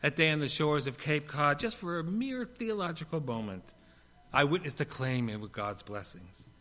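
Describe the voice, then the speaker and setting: Bright-voiced man preaching a sermon. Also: on the high side, moderate pace. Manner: expressive preaching with big swings between loud and hushed; playful humorous asides. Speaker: pastor.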